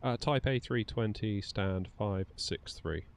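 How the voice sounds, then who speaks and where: Male pilot on headset radio: low, gravelly, clipped aviation phrasing, music bed behind. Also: slow pace. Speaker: streamer flying a simulated airliner. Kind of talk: pilot radio calls to air traffic control. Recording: background music under the voice.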